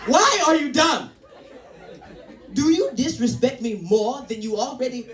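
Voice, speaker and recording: A strict, exasperated mother with an African accent scolds her children at the kitchen table lesson, put on by a man in a stand-up set. The voice runs high and swings wildly. It rings out in a roomy venue, picked up from a distance. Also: animated, a little slow, crowd noise. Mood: scolding. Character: strict woman neighbor homeschooling her kids. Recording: echoey live venue from a distance.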